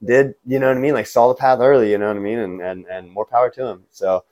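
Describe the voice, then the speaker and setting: Talking fast in a mid-range, darkish voice with fairly even intonation, this martial arts instructor and skateboarder, here as a guest, spins stories casually. He leans on frat-bro slang like "man," "bro," and "you know."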